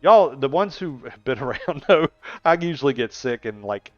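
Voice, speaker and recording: A man's voice: medium pitch, lively intonation, moderate pace, no room sound, soft background music. A man in his sixties chatting casually on a gaming live stream, rambling and laughing often as he answers viewers. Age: 60s. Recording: dull lo-fi stream audio.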